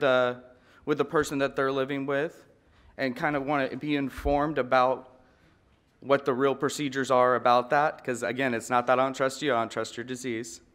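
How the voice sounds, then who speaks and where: Here a thirtysomething man with a medium-pitched, fairly bright voice presents a breakout session from a podium mic in a big conference hall. He's earnest and conversational, frequently restarting sentences and repeating words as he does.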